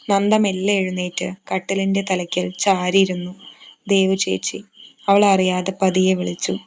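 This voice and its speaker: A woman reading a romance story aloud in a slow, even way. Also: mid-range voice. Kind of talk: scripted narration.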